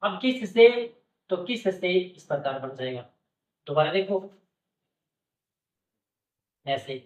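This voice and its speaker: A man's voice: high voice, animated, slow. A man teaching stenography shorthand, explaining step by step and patiently repeating his checks with the learner. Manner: patient, repeats "okay" and "look carefully" often. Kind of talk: classroom-style explanation. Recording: echoey, distant, dull sound.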